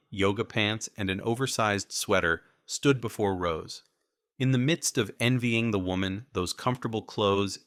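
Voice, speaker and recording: Man, audiobook narrator, deep low voice, bright forceful tone, measured, dry close sound. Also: no echo. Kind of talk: scripted first-person narration.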